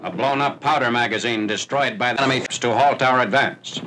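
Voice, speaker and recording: Male narrator, mid-pitched, for a 1940s newsreel: formal, measured battle-report delivery on a hissy old film soundtrack. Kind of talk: scripted wartime newsreel narration.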